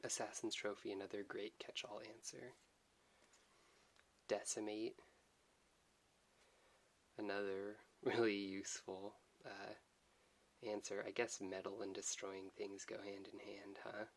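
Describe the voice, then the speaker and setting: Low, soft-spoken man with gravelly creak. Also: little pitch movement, unhurried, long pauses. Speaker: host of an unboxing video. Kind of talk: soft-spoken ASMR commentary. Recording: hissy background noise.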